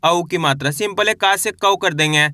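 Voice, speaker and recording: A high, bright male voice drills words slowly, one syllable at a time, then says each whole word again. He is a patient, encouraging reading teacher. The sound is close and dry, with no room around it. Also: no room sound. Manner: slow syllable-by-syllable, repetitive drilling; encouraging, addresses viewers as friends. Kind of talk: spelling-out reading lesson.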